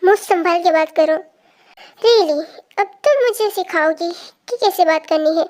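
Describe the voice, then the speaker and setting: A woman's voice: extremely high pitch, measured pace, a little mellow. A woman voicing a jealous, haughty senior college girl in a fan story voice-over, talking down to others and making threats. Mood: threatening. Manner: condescending and threatening.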